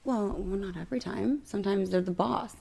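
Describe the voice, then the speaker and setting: A woman co-hosting a podcast in casual chat on a studio mic, giggly and quick with asides. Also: medium pitch, creaky, warm tone, slightly rough. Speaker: podcast co-host. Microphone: studio mic with headphones.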